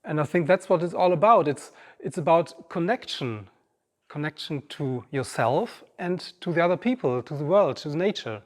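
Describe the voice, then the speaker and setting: At a normal speed and with lively intonation, a man in his 50s with a slightly high voice delivers a reflective, personal inspirational talk to the audience. The setting is a large auditorium stage, and the recording has the long reverb of a spacious hall.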